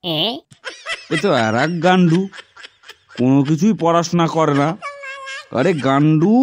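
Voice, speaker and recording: A man's voice: on the high side, slight background noise, natural voice. A man voicing an exasperated, scolding schoolmaster in a comedy cartoon, theatrical. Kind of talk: comic cartoon dialogue.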